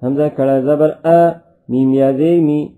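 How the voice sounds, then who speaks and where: A man teaching a reading lesson, spelling out each syllable slowly before chanting the joined words. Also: fairly high pitch, steady tone. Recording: tinny phone-like recording.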